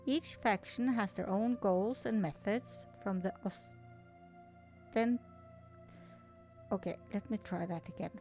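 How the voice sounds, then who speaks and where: A gaming video creator and host, a woman whose first language isn't English, reads an article aloud with casual commentary. Her medium-pitched voice is a little mellow, and she often stumbles over words and starts again.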